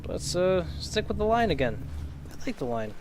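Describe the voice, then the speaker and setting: A man's voice: high-pitched, sing-song, normal speed, background noise. A man streaming a video game and giving casual commentary, joking and heckling the game as he plays.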